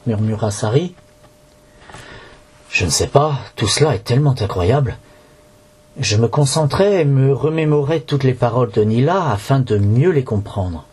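A man's voice: medium pitch, expressive, normal speed, darkish tone, slightly rough. A man reading a storybook aloud in French, narrating with occasional slips and restarts.

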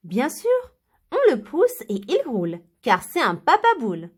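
Storybook figure: a good-humoured father mouse, read by a woman, calm and lively. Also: on the high side, a little slow, husky, full character voice. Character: jolly, big-bellied father mouse.

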